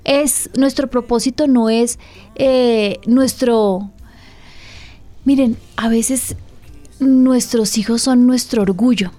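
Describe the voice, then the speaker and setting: Earnest woman pastor, slightly high voice. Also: fairly even intonation, takes it slowly, dark tone. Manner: earnest, questioning her co-host, breathing advice. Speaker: pastor and radio program host.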